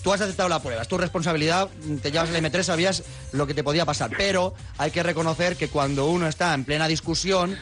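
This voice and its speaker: A male radio host in a studio, calming two callers down in a brisk, mediating way. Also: fairly high pitch, soft background music. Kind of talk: radio prank show hosting.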